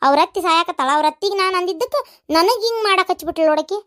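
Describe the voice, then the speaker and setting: A performer voicing a greedy, sharp-tongued older mother-in-law in a comic cartoon, with a North Karnataka accent. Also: very high-pitched, racing. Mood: scolding. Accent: North Karnataka Kannada. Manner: scolding, sharp-tongued, boastful.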